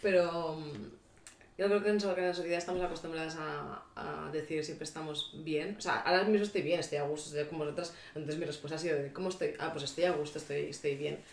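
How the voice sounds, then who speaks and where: A woman who is a sexologist, speaking candidly and reflectively, often pausing on fillers. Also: low-pitched, fairly even intonation, distant mic, slight background noise. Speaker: sexologist guest. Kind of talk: casual podcast chat. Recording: echoey room, voice off-mic.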